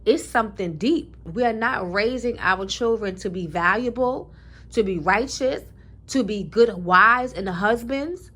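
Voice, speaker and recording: A woman's voice: medium pitch, measured pace, fairly bright tone. A woman speaking her opinions in a preachy, emphatic monologue, using colloquial talk, repeating phrases for emphasis and citing scripture. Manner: colloquial speech with scripture references. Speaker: commentary vlogger.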